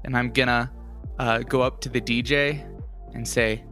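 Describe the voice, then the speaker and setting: Bright-voiced man playing a tabletop game. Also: mid-range voice, little pitch movement. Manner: halting, thinking aloud. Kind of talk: improvised casual game play. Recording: background music.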